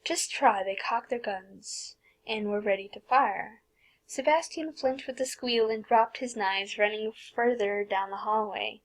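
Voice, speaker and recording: A woman's voice: mid-range voice, a little slow, low-quality recording. A young woman casually reading a fan fiction aloud, often stumbling, restarting and breaking off to make offhand comments. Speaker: fanfic reader.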